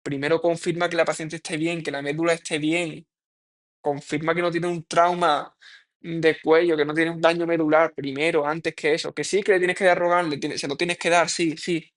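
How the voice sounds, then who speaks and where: A young man walks through practice exam questions, reasoning out loud in a slightly high voice. He is candid and informal, scolding himself for mistakes and letting casual curses slip. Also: little pitch movement, moderate pace. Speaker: medical student reviewing a practice exam.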